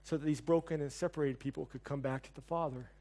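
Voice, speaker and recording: Earnest and fast, a man with a slightly high, mellow voice and steady tone wraps up a sermon in church by leading prayer, stacking repeated phrases in a rhythmic praying cadence.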